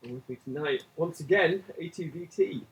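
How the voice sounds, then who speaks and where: A man's voice: a little high, normal speed, a little hiss or hum, low-quality recording. A man hosting a local radio music show, chatting casually with many hesitations. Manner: relaxed, hesitant with many fillers. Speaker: radio host.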